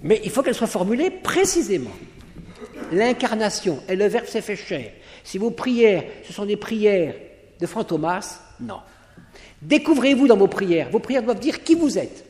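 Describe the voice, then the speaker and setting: A man, a priest, giving a sermon in lively storytelling style, acting out both sides of his conversations. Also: high-pitched, measured pace. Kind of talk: sermon with anecdotes. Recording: long hall reverb.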